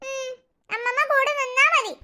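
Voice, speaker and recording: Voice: very high-pitched, fairly even intonation, moderate pace, sharp tone, exaggerated voice. A voice actor playing a mischievous, whiny little girl who scares easily. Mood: sulky. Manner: whiny, then shrieking in panic. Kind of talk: cartoon voice acting.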